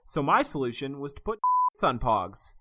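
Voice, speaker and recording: A man co-hosting a casual comedic chat, animated and laughing often. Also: medium pitch, normal speed, noisy background. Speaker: podcast co-host.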